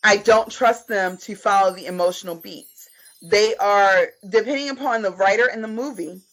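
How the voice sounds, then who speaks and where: A woman's voice: medium pitch, low-quality recording. Emphatic woman in casual panel chat. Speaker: podcast panelist. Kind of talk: casual film and TV discussion. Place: indoors at home on a video call. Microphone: video call.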